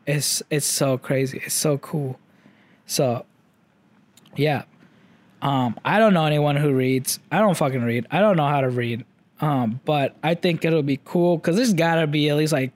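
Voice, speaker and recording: A man's voice: fairly high pitch, moderate pace, no room sound. Young man, slight Chinese-English accent, casual audio update, rambling, swears freely. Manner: rambling, lots of fillers and swearing. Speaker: vlogger.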